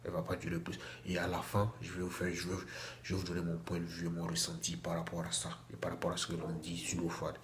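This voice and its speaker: A man with a cold chats casually to his phone camera in a small bathroom at home, repeating himself and restarting sentences. His low voice is completely flat and fast. The room is echoey, with faint ambience and slight background noise.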